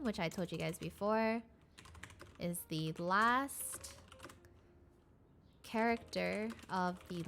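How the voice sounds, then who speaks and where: A woman's voice: medium pitch, pushed and bright, a little hiss or hum. A woman giving a casual live-streamed beginner lesson, explaining with lots of fillers and restarts. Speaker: streamer teaching Korean.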